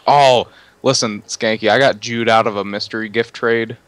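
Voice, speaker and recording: A man's voice: lowish voice, fairly even intonation, normal speed, fairly bright tone, clean tone. A young man playing a game with a friend, chatting crudely and telling stories. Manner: crude, frustrated, storytelling. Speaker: co-player friend. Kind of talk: casual gaming chat.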